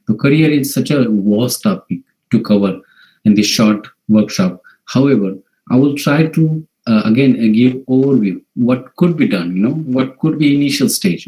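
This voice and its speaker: A man from India, a native Marathi speaker with a Marathi accent, gives an informal online presentation in a halting way, often repeating and rephrasing. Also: medium pitch, mellow, low-quality recording. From Maharashtra, India. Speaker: workshop presenter. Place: video call.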